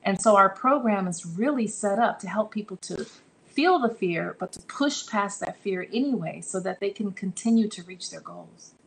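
A woman's voice: medium pitch, moderate pace, vocal fry, slight background noise, poor audio. A woman answering interview questions about her publishing business, earnest and encouraging, often restarting her sentences. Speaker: guest, publishing company leader.

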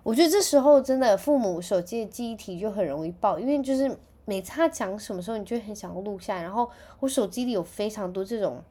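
A woman's voice: medium pitch, lively intonation, fast, few pauses, warm tone, slightly rough. A woman in her thirties hosting a podcast, chatting casually and animatedly as she tells stories about her children. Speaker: podcast host. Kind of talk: casual chat.

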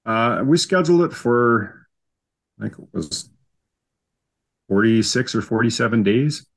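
Animated and unhurried, a medium-pitched man with a Canadian accent spins casual stories as an interview guest on a podcast. He comes from southern Saskatchewan and keeps things easygoing, often poking fun at himself.

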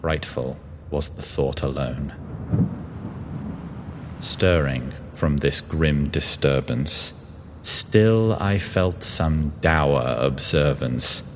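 A man narrating his own spooky verse story with a slow, solemn, rhythmic recitation. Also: rumbling low. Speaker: narrator and author. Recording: long reverb with faint hiss.

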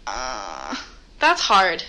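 A woman's voice: rumbling low, huge pitch swings, extremely slow, sharp tone. A young woman from Canada, co-hosting a podcast in casual chat, talkative and laughing often. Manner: chatty, laughs often, puts on quoted voices. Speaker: podcast co-host.

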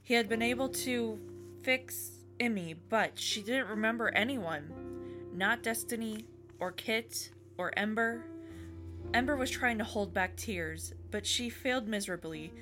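A woman's voice: medium pitch, a little slow. A woman reading a story aloud as narrator, with casual asides. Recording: music under the voice.

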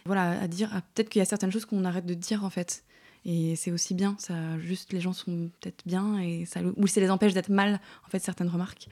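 A woman's voice: on the low side, fairly even intonation, fairly quick, mellow. A woman in her thirties chatting as a podcast guest, with many fillers and words that trail off to near-whispers. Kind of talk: casual interview chat.

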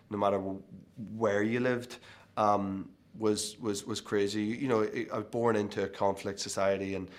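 A man in his thirties with a Northern Irish accent, a guest speaking casually in an interview with many fillers and restarts. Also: fairly low pitch. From Northern Ireland. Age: 30s. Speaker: actor guest.

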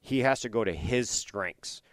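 A man's voice: lowish voice, animated, unhurried, no room sound, studio quality. A man giving casual baseball analysis as a show analyst.

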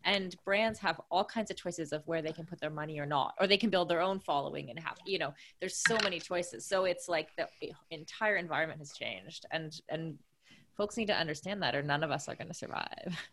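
Low-voiced woman podcast guest. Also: a little fast, fairly bright tone. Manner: thoughtful, rambling, laughs easily. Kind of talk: casual conversation.

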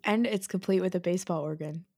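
A woman co-hosting a comedy trivia podcast, wry and quick to laugh. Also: on the low side, dark tone, no room sound, studio quality. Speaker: podcast co-host. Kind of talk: playful comedic banter.

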